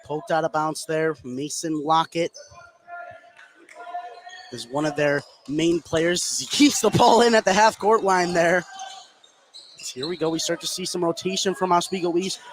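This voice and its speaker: A man with a voice on the high side calls live basketball play-by-play, unhurried, with fairly even intonation and frequent pauses. He is courtside in an indoor gym, where noisy ambience, game noise, and a bouncing ball are audible.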